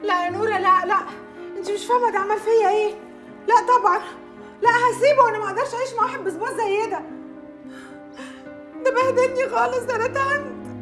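An actress playing a jealous, quick-tempered young newlywed, speaking with an Egyptian accent, fast and accusing. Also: female voice, high voice, expressive. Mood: tearful outrage. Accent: Egyptian Arabic. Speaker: jealous new bride. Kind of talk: Egyptian film acting. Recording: film audio with music behind.

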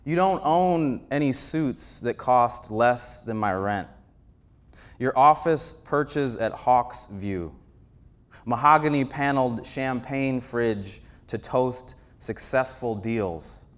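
A man in his thirties, a poet, reading his own poem slowly and emphatically on stage at a stand mic. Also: medium pitch, clean tone. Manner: slow, emphatic poetry reading. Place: theater stage.

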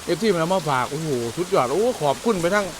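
A man with an Isan accent, vlogging a meal outdoors in the rain, loud and excitable and exclaiming often. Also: fairly high pitch, quick pace, noisy background. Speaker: food vlogger. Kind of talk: casual outdoor cooking vlog.

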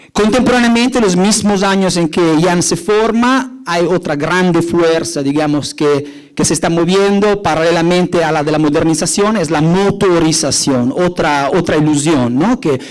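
On a poor recording, a middle-aged urban designer from Italy addresses a conference audience from an auditorium stage in a slightly high voice and an Italian accent. His explanations are hesitant, full of fillers and restarts.

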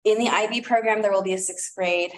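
With a steady, mid-range voice, a woman talks briskly as a district administrator pitching a curriculum recommendation to the school board. Her delivery is casual with plenty of fillers, and the recording comes from an echoey room with her well away from the microphone.

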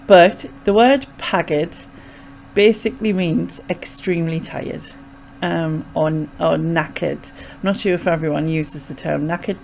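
On the low side with vocal fry and a darkish tone, a young Mackem-accented vlogger from Sunderland in North East England chats casually and hesitantly, explaining things in a rambling manner. The rough recording comes from a small bedroom, made close on a desk microphone with a pop filter.

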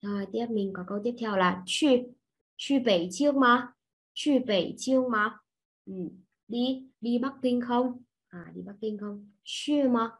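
A woman's voice: on the high side, slow. A woman with a Vietnamese accent teaching an online Chinese class, patient and checking in with her students often. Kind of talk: online language lesson.

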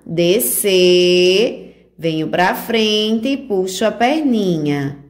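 A woman from Brazil teaches preschoolers to write their letters, talking them through each stroke. Her delivery is very unhurried and sing-song, full of gentle diminutives, with a medium pitch. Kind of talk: remote handwriting lesson for young children.

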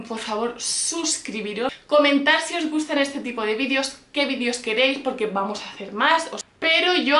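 A woman teaching a casual language lesson, drilling syllables slowly and clearly. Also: a little high, a bit bright, reverberant.

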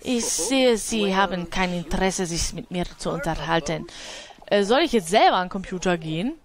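A woman's voice: on the low side, expressive, normal speed, crowd noise. A woman giving casual let's play commentary, chatting to her game characters and laughing often.

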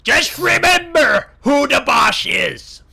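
A man playing a blustering, bossy small-town boss with a strained gravelly voice, indignant, in a comedy game roleplay. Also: very high-pitched, sing-song, slow pace, exaggerated voice. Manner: shouting, indignant.

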